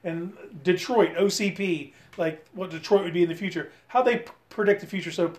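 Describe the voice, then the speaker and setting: Slightly high-voiced man chatting, echoey. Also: a little fast, darkish tone. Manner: enthusiastic, profane, says "dude" and "man" a lot. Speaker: podcast co-host. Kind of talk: casual chat.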